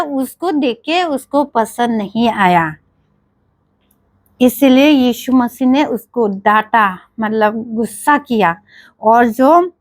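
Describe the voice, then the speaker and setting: A woman's voice: high voice, no room sound. A woman preaching a sermon, often asking questions and answering them herself and repeating praise phrases. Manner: repeats "Praise the Lord", asks and answers her own questions.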